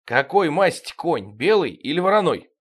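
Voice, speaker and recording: A man's voice: fairly high pitch, very animated, moderate pace, husky. A man voicing an impatient, exasperated king in an audiobook.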